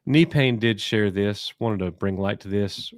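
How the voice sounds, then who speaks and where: A man's voice: lowish voice, measured pace, no echo, studio quality. A man hosting a live entertainment news chat, moving the talk along and putting questions to his co-hosts. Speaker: host.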